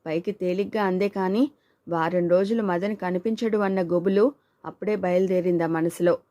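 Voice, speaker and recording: Female audiobook narrator, mellow, dry booth sound, voices the dialogue herself. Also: lowish voice, fairly even intonation, moderate pace, no room sound, muffled recording. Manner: reads all characters, male and female, in her own voice.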